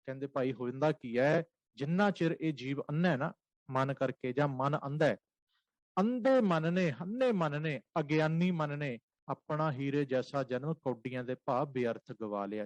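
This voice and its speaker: A man with a Punjabi accent preaching a Sikh sermon, chanting scripture lines slowly and repeating short phrases for emphasis. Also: a little high, no echo, low-quality recording.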